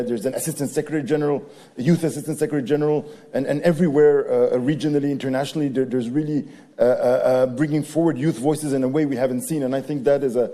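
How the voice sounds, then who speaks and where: A man's voice: medium pitch, dark tone. A man speaking as an ambassador on a conference panel, hesitant, with many fillers and repeated words. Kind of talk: panel discussion. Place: conference hall.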